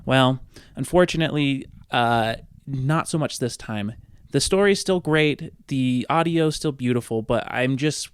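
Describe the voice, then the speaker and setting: A man with a mid-range voice and measured pace hosts a tabletop role-playing podcast, acting as game master. He's chatty and informal, addressing listeners directly as he mixes casual talk with game narration.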